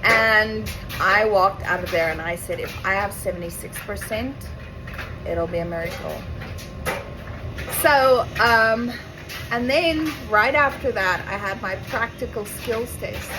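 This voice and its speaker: Recorded noisily at home while appliances run, a young Afrikaans-accented South African vlogger chats to camera over music. Her mid-range voice moves a little slowly through a rambling story peppered with asides and self-corrections.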